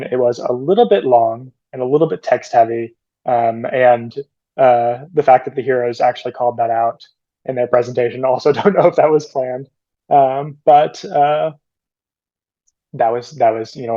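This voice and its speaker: A man on a video call judging a challenge, giving polite feedback with plenty of ums and pauses. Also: mid-range voice, warm tone, no echo, highs cut off. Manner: hesitant, many ums, polite. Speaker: challenge judge. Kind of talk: casual spoken feedback.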